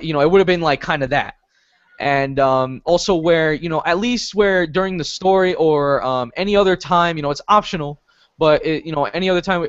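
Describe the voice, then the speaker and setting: A man's voice: on the high side, no room sound, lo-fi sound. A man co-hosting a casual gaming podcast, talking hesitantly with many fillers and restarts. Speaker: podcast co-host.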